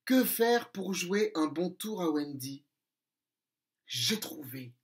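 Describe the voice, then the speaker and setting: A man reading a storybook aloud to children, slow and expressive. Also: sits high.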